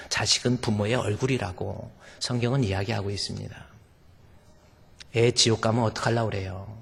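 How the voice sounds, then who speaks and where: Gravelly-voiced male pastor preaching. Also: medium pitch. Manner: emphatic, with rhetorical questions to the congregation. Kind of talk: sermon. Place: church sanctuary. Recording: long church reverb.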